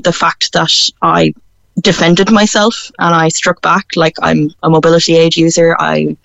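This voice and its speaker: A woman's voice: fairly low pitch, dry recording, lo-fi sound. A woman with a west of Ireland accent talking candidly in an interview, hesitant and informal. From Galway, west of Ireland. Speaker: interview guest, performer.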